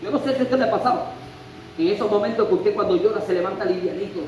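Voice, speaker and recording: A man's voice: high voice, fast talker, highs cut off. A man preaching a sermon, emphatic and full of rhetorical questions and a repeated refrain. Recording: very echoey church hall, faint noise.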